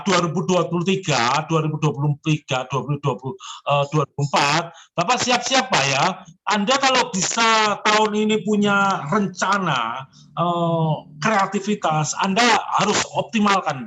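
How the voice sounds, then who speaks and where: A man's voice: high-pitched, animated, normal speed, noisy background. A man in his seventies giving personal zodiac readings on a call. He speaks in an encouraging, emphatic way and addresses the listener respectfully. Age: 70s. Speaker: zodiac fortune consultant.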